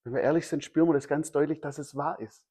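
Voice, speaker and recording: A man's voice: on the high side, fairly even intonation, quick pace, warm tone, husky. Emphatic male preacher. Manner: emphatic, repeats key phrases. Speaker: pastor. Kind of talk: sermon.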